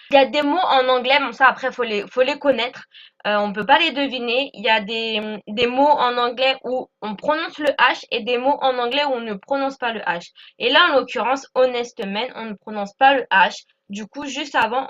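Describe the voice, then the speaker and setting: Woman teacher, high bright voice, patient step-by-step grammar lesson, slows for examples, muffled lo-fi sound. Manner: patient, repeats examples slowly, checks with "d'accord?". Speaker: English teacher. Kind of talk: explaining English grammar lesson.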